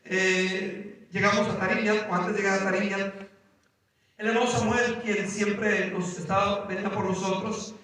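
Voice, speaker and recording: High-voiced impassioned preacher, echoey church. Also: male voice, level tone, unhurried. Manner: impassioned storytelling, rising to shouted exhortation. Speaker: missionary preacher. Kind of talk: sermon. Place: church service. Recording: very echoey church hall, mic far off.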